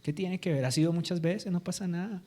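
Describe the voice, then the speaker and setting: A preacher voicing Satan as a male tempter spirit, speaking softly and coaxingly to make wrongdoing sound harmless. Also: high-pitched, a little fast.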